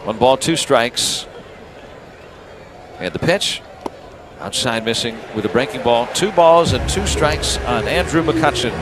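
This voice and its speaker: Background noise accompanies a live radio broadcast in which a man with an American accent delivers baseball play-by-play. He talks in clipped bursts, pausing between pitches.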